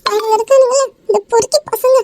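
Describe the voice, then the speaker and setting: A performer voicing a distraught middle-aged mother in an animated cartoon, pleading through tears. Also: extremely high pitch, quick pace, noisy background. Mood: tearful pleading. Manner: pleading, sobbing.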